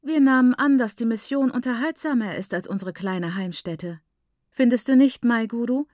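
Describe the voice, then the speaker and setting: A woman reading an audiobook voices a bitter, sharp-tongued bedridden mother, raising her voice higher and louder. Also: brisk, no room sound, natural voice. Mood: mocking. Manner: dry, pointedly sarcastic. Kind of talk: audiobook character voice.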